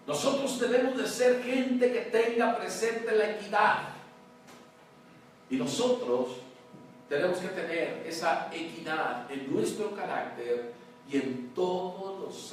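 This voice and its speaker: A male pastor preaching a sermon, swinging between loud emphasis and hushed words, often calling out to his congregation. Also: high voice. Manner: addresses congregation as "hermano", asks "¿verdad?". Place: large church hall. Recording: very echoey church hall, mic far off, faint noise.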